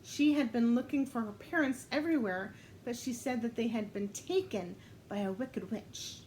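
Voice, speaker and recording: A woman telling a story aloud while playing a storytelling card game, unhurried and thinking aloud, often breaking into laughter. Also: a little high, darkish tone, a little hiss or hum, poor audio. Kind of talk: casual storytelling game play.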